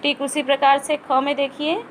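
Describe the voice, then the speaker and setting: High-voiced woman teaching young children. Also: level tone, a little hiss or hum. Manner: slow, patient explaining with many rhetorical questions. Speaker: school teacher. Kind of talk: classroom lesson for young children.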